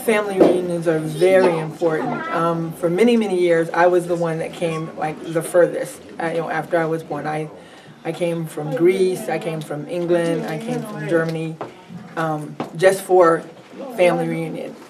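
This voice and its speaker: A low, fairly flat-voiced woman speaks earnestly, stopping to restart her thoughts. She is picked up from a distance with crowd chatter around her. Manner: earnest, halting with fillers. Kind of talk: casual interview.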